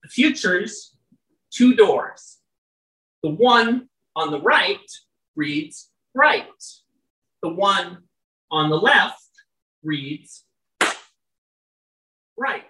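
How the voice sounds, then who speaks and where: With a naturally loud, bright, expressive mid-range voice, a poet offers wry, chatty remarks before easing into measured lines of their own verse. They often wander off the stage mic in an indoor venue with a live audience, making the recording roomy and a bit distant.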